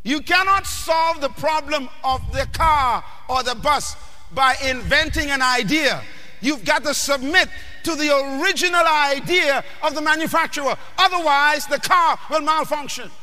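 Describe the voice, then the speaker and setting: A man preaches a sermon with a very high voice, pressing his listeners with questions and breaking into shouts. He speaks slowly and sounds very bright. The voice rings out with the long reverb of a large hall. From Bahamas. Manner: emphatic, questioning the audience, often shouting.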